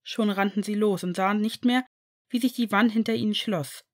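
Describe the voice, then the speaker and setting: A woman narrating a story at an even, steady pace. Her audiobook reading stays plain and level throughout. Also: mid-range voice, normal speed. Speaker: fan fiction reader.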